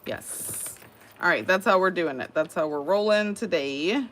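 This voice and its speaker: A woman's voice: lowish voice, unhurried, a bit bright, slight background noise. A middle-aged woman with a Southern US accent chats in a folksy way while crafting on a livestream, often laughing at her own stories. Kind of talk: casual chat while crafting.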